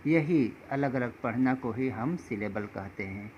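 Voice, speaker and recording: Slow, patient male teacher. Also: mid-range voice, highs cut off, slight background noise. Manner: slow, patient, addresses viewers as friends. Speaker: English teacher. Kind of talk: explaining pronunciation rules.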